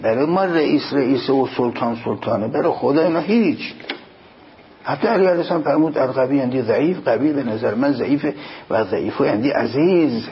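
A man preaching a religious sermon, reciting Arabic passages and explaining them in Persian, rising emphatically on key points. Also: mid-range voice. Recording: dull lo-fi recording, faint noise.

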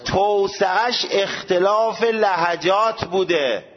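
A man giving a seminary lecture, animated and full of rhetorical questions. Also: sits high, long reverb tail, highs cut off. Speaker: religious studies teacher.

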